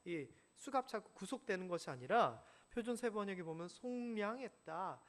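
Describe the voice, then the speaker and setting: A man's voice: high voice, a little fast. A male pastor preaching a sermon in a church, questioning the congregation and acting out stories. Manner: animated, asks the congregation questions, acts out stories. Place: church sanctuary.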